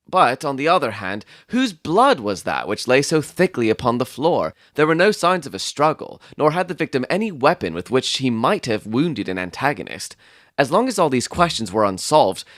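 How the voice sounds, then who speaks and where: A man playing an earnest, thoughtful doctor who narrates a detective story in a measured, literary storytelling manner. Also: medium pitch, a bit bright, no echo, clean studio sound. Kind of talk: dramatic audiobook narration.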